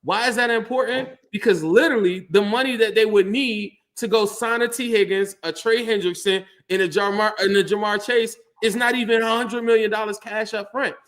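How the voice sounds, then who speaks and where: A man hosts a casual sports talk show, with a noticeably high voice. He talks in an animated, rambling way, piling clauses on top of each other and repeating words as he goes. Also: fairly quick, hardly any pauses. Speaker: sports podcast host.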